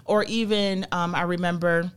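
A woman's voice: fairly low pitch, fairly even intonation, normal speed, smooth. A woman co-hosting a casual podcast chat, telling stories in a reflective way and often checking in with a "right?". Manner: reflective, storytelling, many "right?" tags. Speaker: podcast co-host.

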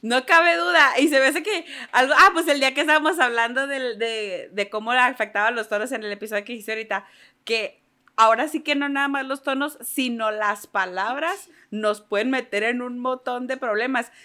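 A Mexican woman in casual chat, talkative and reflective, talking in quick bursts. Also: on the high side, steady tone, bright, forceful tone.

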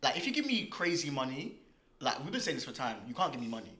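Fast-talking young London roadman. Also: mid-range voice, big pitch swings, sharp tone. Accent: London, urban slang-heavy roadman. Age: young adult. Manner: slangy, boastful. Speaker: podcast co-host. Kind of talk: casual banter.

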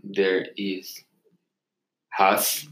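A young man as the expert guest in a casual interview, giving halting answers with pauses. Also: sits low, completely flat delivery, a bit bright. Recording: echoey room.

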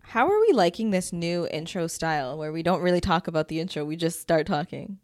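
A woman's voice: on the low side, expressive, brisk, darkish tone, no echo, clean studio sound. A young woman co-hosting a casual podcast, rambling with lots of fillers and frequent giggles. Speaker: podcast co-host. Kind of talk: casual chat.

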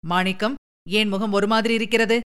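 A woman's voice: medium pitch, steady tone, moderate pace, a bit bright, clean tone, natural voice. A woman reading a stern king father. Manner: stern questioning.

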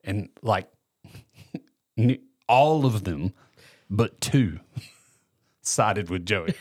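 Male co-host, lowish voice, chatty storyteller who laughs easily. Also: very slow, no echo. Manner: lively storyteller, laughs often. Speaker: student ministry leader, co-host. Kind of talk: casual chat.

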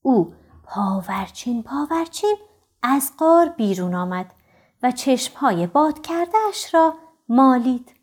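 Lady reading a kids' storybook, high voice, soft and expressive. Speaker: audiobook narrator for children.

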